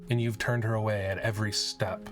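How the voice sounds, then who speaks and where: Man playing a calm, aloof woman seer. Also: fairly low pitch, lightly acted. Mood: serene. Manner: serene, lecturing, measured. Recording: music playing behind.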